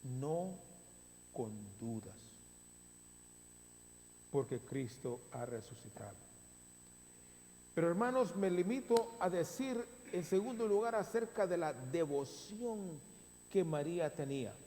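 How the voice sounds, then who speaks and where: A man preaching a sermon as pastor, stressing words with long dramatic pauses, recorded in a church sanctuary. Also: a little high, lively intonation, dark tone. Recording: reverberant hall, faint hum.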